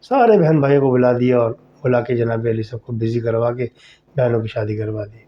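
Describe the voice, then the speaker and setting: A man hosting a podcast, telling a horror story in a chatty, conversational way and speaking directly to the listener. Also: medium pitch. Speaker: storyteller host. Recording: slightly dull lo-fi recording.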